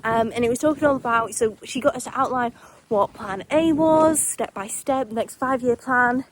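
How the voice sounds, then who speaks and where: A woman's voice: on the high side, moderate pace. A young woman, chatting casually as a vlogger at horse stables, upbeat and rambling with fillers. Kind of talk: casual vlog narration.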